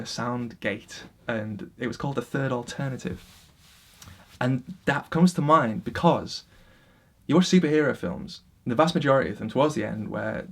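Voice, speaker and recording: A man vlogging a casual opinion rant to camera, passionate and animated, swinging between loud outbursts and quiet asides. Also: mid-range voice, gravelly.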